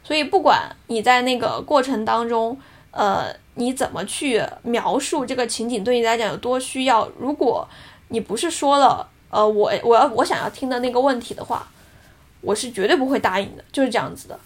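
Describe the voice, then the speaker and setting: On a casual podcast, a woman in her thirties who co-hosts the show tells a personal story earnestly and reflectively. Her voice is a little high, animated, and slightly fast.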